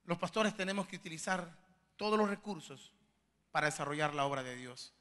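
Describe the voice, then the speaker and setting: A male pastor preaching a sermon, moving between soft, intimate asides and loud, emphatic climaxes, fervent and pleading, often repeating words as he searches for phrasing. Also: fairly high pitch, lively intonation, fairly quick, in a large hall. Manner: fervent and pleading, addressing listeners as beloved brothers.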